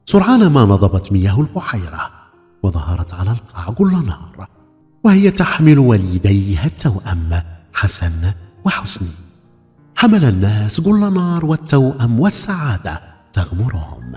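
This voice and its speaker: Dark-voiced man telling a folk tale. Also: fairly low pitch, moderate pace. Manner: expressive, rises and falls dramatically. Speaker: storyteller. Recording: long reverb with faint music.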